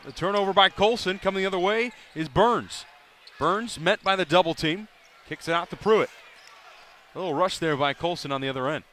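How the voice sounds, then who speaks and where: A man doing live play-by-play for a college basketball game, brisk and rising sharply on big plays. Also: high voice, fairly bright tone, slight background noise. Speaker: play-by-play announcer. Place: arena broadcast booth.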